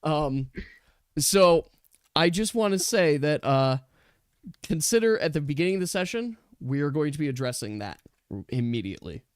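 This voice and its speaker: A man's voice: fairly high pitch, expressive, moderate pace, clean tone, no echo, clean studio sound. A man speaking as a game master, chatting casually and explaining things with emphatic repetition. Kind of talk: casual chat after a tabletop game session.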